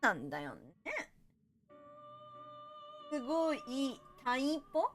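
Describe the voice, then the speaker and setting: Animated Kansai-accented woman streamer. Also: sits high, slow pace, soft background music. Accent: Kansai Japanese. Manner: chatty, reads viewer comments aloud, playful and animated. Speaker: VTuber game streamer. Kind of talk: casual live-stream chat while gaming.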